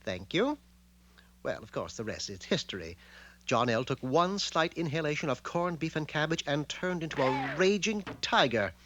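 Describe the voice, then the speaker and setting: A man's voice: on the high side, big pitch swings, moderate pace, fairly bright tone, lo-fi sound. A man voicing a learned, smug cartoon dog who narrates history tales in a dry, precise way. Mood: smug storytelling. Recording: noisy vintage cartoon soundtrack.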